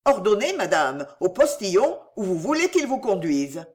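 A woman reading the part of an agitated, jealous young gentleman, tense and commanding in manner. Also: medium pitch, big pitch swings, moderate pace, lightly acted.

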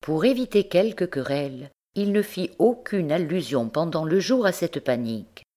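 A woman narrating a literary story in a measured, expressive way. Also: fairly low pitch, faint music behind. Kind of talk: audiobook narration.

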